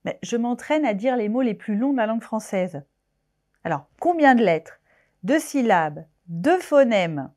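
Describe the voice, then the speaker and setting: A woman's voice: fairly high pitch, expressive, unhurried, a little mellow. A woman teaching pronunciation, breaking words into syllables and sounds with careful, exaggerated articulation. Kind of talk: pronunciation lesson.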